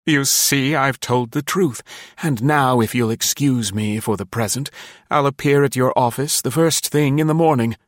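A man reading aloud, voicing a scheming young male traitor who tries to sound calm but grows shrill. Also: moderate pace, no room sound, clean studio sound, natural voice. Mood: relieved. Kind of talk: audiobook character reading.

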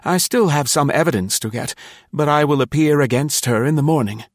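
A man putting on a high-strung scheming young traitor. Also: a little fast, dry recording, studio quality. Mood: accusing. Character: smooth scheming young male traitor, nervous. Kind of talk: audiobook character reading.

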